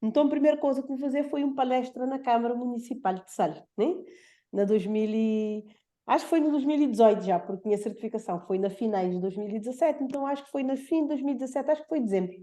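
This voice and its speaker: A woman hosting a live conversation, speaking slowly and thoughtfully, with hesitations. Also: on the high side, mellow. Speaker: host of a live talk.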